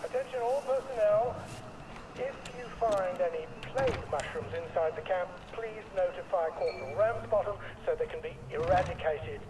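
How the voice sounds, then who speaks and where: Stern army camp announcer on a factory-style pa, formal, high voice, far off and noisy. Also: male voice, expressive, normal speed. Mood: officious. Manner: formal, officious. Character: stern officious male army camp announcer over loudspeaker. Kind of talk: military public-address announcement.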